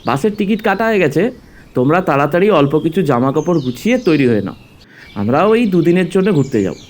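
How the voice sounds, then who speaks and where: A woman doing a cheery doll father, deep. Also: lively intonation, quick pace, a little mellow, slight background noise. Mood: reassuring. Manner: reassuring, announcing. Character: father of the family, cheerful and calming.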